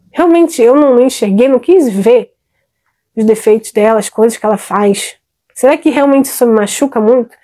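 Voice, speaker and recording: A middle-aged woman speaks as a therapist, her voice pitched high yet mellow and warm in tone. She talks emphatically and conversationally, calling out to her listeners as if they were friends across a table. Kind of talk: direct-to-camera advice talk.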